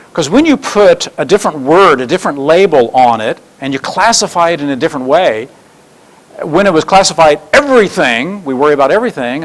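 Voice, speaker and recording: Animated male seminar presenter. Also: on the high side, low-quality recording. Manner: animated storyteller, acts out quotes. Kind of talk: teaching talk with acted examples.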